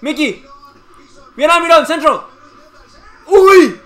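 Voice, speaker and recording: A young man reacting live to a football match, cheering and shouting at every play. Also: extremely high pitch, animated, normal speed, loud music behind the voice.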